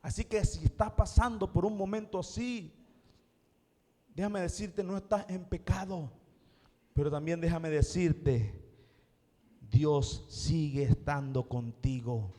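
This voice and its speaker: A man preaching a sermon as pastor, impassioned and slowing down to read scripture. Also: a little high, warm tone, long reverb tail. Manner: impassioned, slows down for scripture quotes. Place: church sanctuary.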